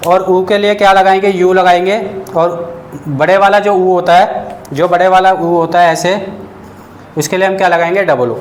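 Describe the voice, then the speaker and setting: A man's voice: sits high, level tone, moderate pace. A man teaching a basic English lesson to students. He talks patiently, repeats his points and asks the class questions. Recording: echoey room with faint noise.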